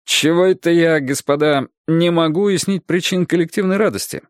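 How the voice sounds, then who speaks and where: A man's voice: on the high side, moderate pace, no echo, clean studio sound, pitched above the performer's own voice, lightly acted. A man reading a story aloud and voicing a friendly grown-up scientist who talks with wry, slightly formal humor.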